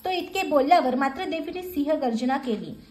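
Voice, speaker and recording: A woman narrating a devotional story in a steady, measured recitation. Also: sits high, reverberant.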